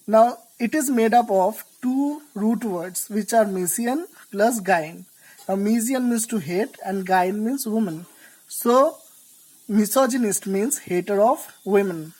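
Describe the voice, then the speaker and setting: A woman's voice: medium pitch, darkish tone, husky, rough recording. Woman teaching English vocabulary. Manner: slow, deliberate explanations. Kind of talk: vocabulary lesson.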